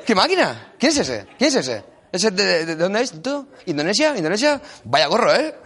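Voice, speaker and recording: A man doing a playful, mock-serious stand-up comedy bit with quick jokey asides. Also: high-pitched, big pitch swings, fairly bright tone. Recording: live stage with audience laughter and noise. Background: audience laughing.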